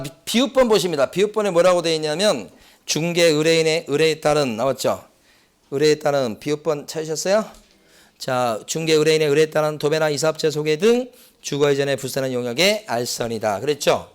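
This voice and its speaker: A man lecturing in a classroom on real estate brokerage law, quizzing students with questions and repeating key terms slowly. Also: fairly high pitch, clean tone. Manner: tells anecdotes with acted-out quotes. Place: lecture room.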